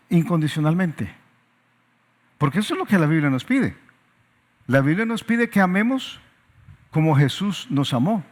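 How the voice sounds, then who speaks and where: High-voiced emphatic male preacher. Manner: emphatic preaching with repetitions and rhetorical questions. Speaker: pastor. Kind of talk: sermon.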